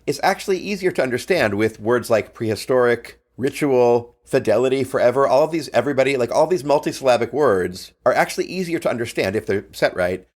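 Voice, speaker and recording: A man's voice: medium pitch, expressive, fairly quick, hardly any pauses. A young man hosting a podcast, giving a casual, enthusiastic lesson on songwriting, laughing often and saying "like" a lot.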